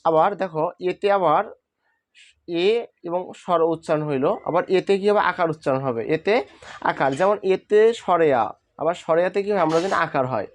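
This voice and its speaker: A man's voice: on the high side, a little fast, no echo. A man teaching a spoken lesson, patiently asking questions and answering them himself. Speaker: English teacher.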